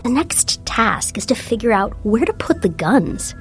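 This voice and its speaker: A woman's voice: fairly high pitch, big pitch swings, unhurried, faint music behind. Wry woman narrating a podcast. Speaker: host. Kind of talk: scripted narration.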